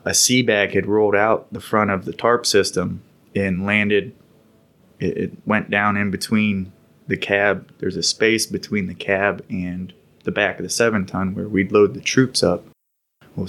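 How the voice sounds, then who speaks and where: A laid-back man spinning a long story from his service days. His voice sits fairly low, and he rambles along in an easy, conversational way. It has the feel of a podcast chat. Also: fairly bright tone. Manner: laid-back, rambling, laughs while telling. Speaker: podcast co-host recounting military service. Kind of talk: casual storytelling.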